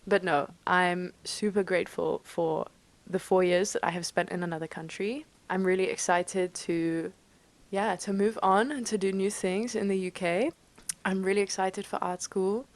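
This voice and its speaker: A woman's voice: on the low side, rough recording. A young woman in her twenties from England, with an English accent that carries a slight Dutch tinge, chatting bubbly and enthusiastically to camera from her bedroom. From United Kingdom. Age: 20s. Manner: bubbly and enthusiastic, laughs often. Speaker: vlogger. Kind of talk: casual talk to camera.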